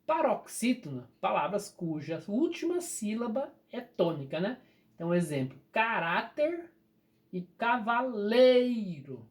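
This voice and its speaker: A teacher with a Brazilian Portuguese accent, patiently explaining a recorded grammar lesson and slowly drawing out the key words. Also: mid-range voice, big pitch swings, a little mellow.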